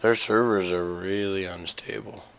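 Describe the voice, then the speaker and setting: A man's voice: sits low, steady tone, measured pace, a little hiss or hum. A man casually commenting on his own gameplay, talking to himself with exasperated reactions. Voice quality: gravelly. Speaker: gamer streaming gameplay.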